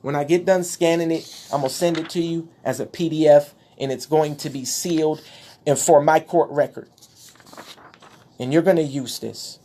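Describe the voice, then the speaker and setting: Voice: mid-range voice, moderate pace, warm tone. Impassioned speaker, preachy and emphatic. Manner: preachy, emphatic, exclaims at times. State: out of breath. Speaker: speaker addressing followers. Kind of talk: impassioned monologue showing documents.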